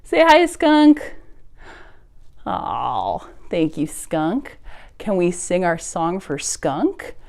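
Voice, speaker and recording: A woman with a lowish, slightly mellow voice and vocal fry speaks extremely slowly, her pitch swinging widely. She's hosting a preschool storytime, reading aloud and chatting directly to small children in simple, encouraging phrases with exaggerated sing-song emphasis.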